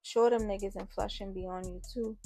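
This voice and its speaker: A woman voicing a shy, easygoing teenage boy, low-key and soft-spoken, with a gravelly, husky edge. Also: fairly even intonation, fairly quick. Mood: bashful.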